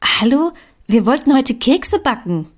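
A woman voicing a pushy, energetic young female friend who lectures and urges in a storybook reading. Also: high voice, a little slow, pitched above the performer's own voice, heavily acted.

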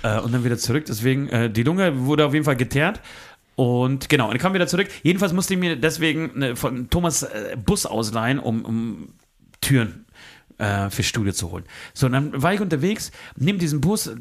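Podcast co-host, man in his forties, fast rambling confession anecdotes with casual swearing. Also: medium pitch, expressive. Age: 40s. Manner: rambling storyteller, swearing, acts out both sides of phone calls.

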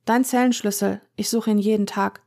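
A woman voicing a calm young man who holds someone captive and speaks in a flat, nearly expressionless way. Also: mid-range voice, moderate pace, creaky, close to an everyday voice. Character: young man, calm, quietly possessive captor.

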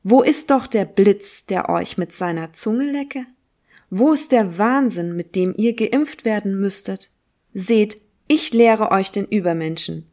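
A woman's voice: mid-range voice, a little slow, a little mellow, close to an everyday voice. A woman reading the words of a fervent male prophet who preaches to a crowd, declaiming them emphatically and solemnly. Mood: solemn preaching. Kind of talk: dramatic reading of a philosophical text.

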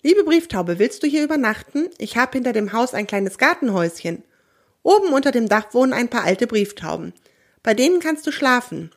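A woman voicing a kindly middle-aged woman who keeps pigeons, in a warm, chatty manner. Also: a little high, big pitch swings, brisk.

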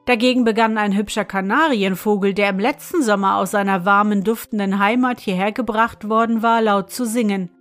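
A woman reading a fairy tale aloud as narrator, in an even storytelling manner. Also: medium pitch, a little fast, hardly any pauses, faint music behind.

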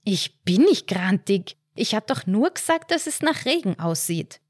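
A woman voicing an excitable, stubborn elderly wife in a read short story. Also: medium pitch, unhurried, breathy edge, no room sound, clean studio sound, pitched above the performer's own voice. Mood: indignant. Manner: excited, insistent, triumphant.

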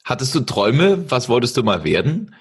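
A man's voice: medium pitch, big pitch swings, moderate pace, slightly rough. A man hosting a podcast interview, upbeat, with frequent filler sounds. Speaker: podcast host.

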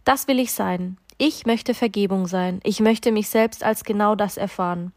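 A woman voicing an excitable, childlike little soul in a storybook reading, with a high, eager voice. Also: moderate pace, no echo, clean studio sound, lightly acted. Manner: high, bright and eager, voice jumping up.

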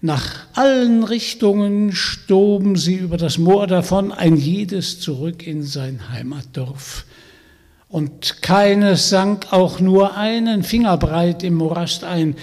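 A man reading a fairy tale aloud, in a slow and expressive storytelling manner. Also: high voice. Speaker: narrator. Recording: long hall reverb.

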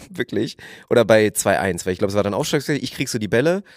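A man in casual chat, telling his own sports story in a lively, self-mocking way. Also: on the low side, brisk, no room sound, studio quality. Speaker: guest athlete.

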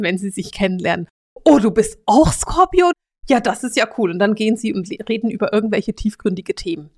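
A woman with a Swiss German accent, hosting a solo podcast and explaining her subject in a lively way, now and then acting out short quoted voices. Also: medium pitch. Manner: lively, acts out little quoted voices, drops to a whisper for emphasis. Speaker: podcast host and Human Design coach.

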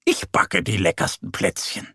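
A man's voice: normal speed, sharp tone, natural voice. A man doing a drowsy little bear cub. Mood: grumbly. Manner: drowsy, grumbly. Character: sleepy, stubborn little bear boy.

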